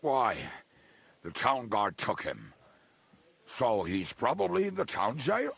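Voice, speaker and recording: An actor playing a bitter, gruff henchman in a video game, heavily drunk, with a gravelly voice. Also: medium pitch, wildly swooping pitch, takes it slowly, a bit bright, full character voice. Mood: resigned. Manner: blackout drunk, slack drunken speech. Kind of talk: video game dialogue acting.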